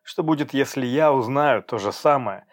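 A man's voice: medium pitch, normal speed, natural voice. A man reading an audiobook, voicing a stern, domineering man who speaks in curt commands. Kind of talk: audiobook character voice.

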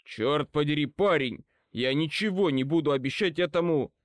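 A man's voice: on the high side, moderate pace, no echo, close to an everyday voice. A man reading an audiobook, voicing a stern, furious old male wizard who growls harsh commands. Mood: angry gruff.

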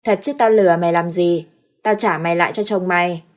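A woman's voice: on the low side, steady tone, a little fast, close to an everyday voice. A woman as a cold scheming rich young woman. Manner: curt, falsely kind.

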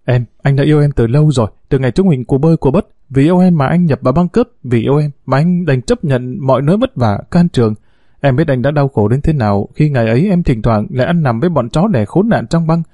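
A man's voice: medium pitch, expressive, fast, dark tone, no room sound, clean studio sound, lightly acted. A man voicing a timid, lovesick young gang member who pleads hesitantly in a storybook reading.

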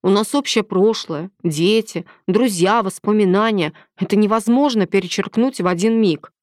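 A woman's voice: mid-range voice, normal speed, a little mellow, no echo, natural voice. A weary lawyer in his forties, read by a woman narrator, speaking in a tired, guarded, irritable tone. The recording is dry and close. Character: weary middle-aged man, lawyer, forty-five.

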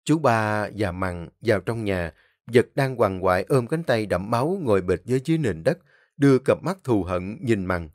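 A man's voice: on the low side, animated, normal speed, no room sound, clean studio sound. A man narrating a dramatic story vividly.

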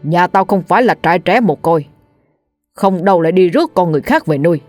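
A woman's voice: on the low side, expressive, fast talker, a little mellow, dry recording, faint music behind. A woman voicing a stern, hot-tempered old village father who barks bluntly in a spoken ghost story. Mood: angry. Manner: barking, blunt.

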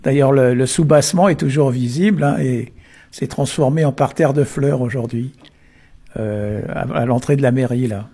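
A man, unhurried and full of tag words, explaining the origins of words. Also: medium pitch, warm tone, slightly rough. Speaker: Breton language explainer. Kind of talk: explanatory talk on word origins.

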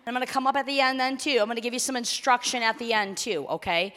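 Bright-voiced woman preaching in a reverberant church. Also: fairly high pitch, fast. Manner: warm conversational preaching, rising to excited announcements. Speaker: pastor. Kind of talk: sermon. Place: church sanctuary. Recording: long hall reverb.

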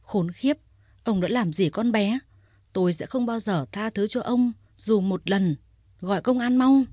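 A woman voicing an urgent, protective young man who speaks fast and firmly in a storybook reading. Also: medium pitch, breathy edge, no room sound, studio quality, natural voice. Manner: urgent, forceful.

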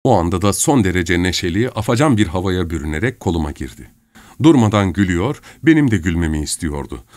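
A man narrating an audiobook in the first person, reading in a measured, expressive way. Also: low-pitched, no room sound.

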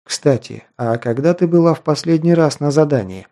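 A man's voice: a little high, moderate pace, mellow, voice pushed up, natural voice. A man voicing a wry young hero. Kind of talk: audiobook character reading.

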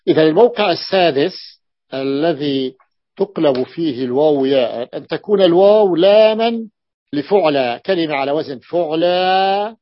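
A male teacher lecturing a class, explaining slowly and repeating each example. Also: a little high, no room sound. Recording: dull lo-fi recording.

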